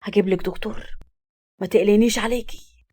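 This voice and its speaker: A woman's voice: mid-range voice, steady tone, brisk, dark tone, close to an everyday voice. A woman voicing a worried, tender young husband in an Egyptian Arabic accent, with little change from her narrating voice. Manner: tender, urgent.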